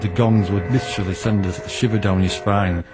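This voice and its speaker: Over music and outdoor background noise, a man with a fairly low voice and fairly even intonation speaks at a moderate pace. He's a radio enthusiast guest in an interview held in a back alley, answering in a thorough, matter-of-fact way.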